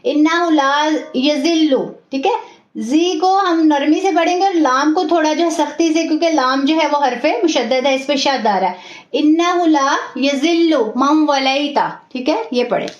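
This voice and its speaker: A woman teaching a recitation class, patiently repeating each word slowly and often checking in with her students. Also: high-pitched. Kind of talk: online class lesson, slow repetition drills. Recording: roomy, dull lo-fi audio.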